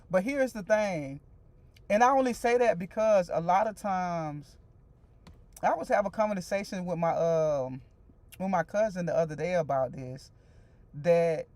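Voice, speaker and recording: This livestream host is a woman in her forties with a lowish, slightly mellow voice captured in a dry recording. Her casual stream has her rambling a bit, repeating things, and answering viewer comments directly.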